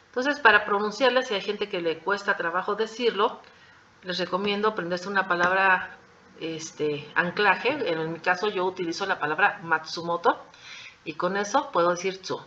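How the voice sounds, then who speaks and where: A woman, teaching Japanese pronunciation. She explains patiently, repeats each example and checks understanding with quick questions. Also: medium pitch, pushed and bright. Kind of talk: classroom explanation. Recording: dull lo-fi recording.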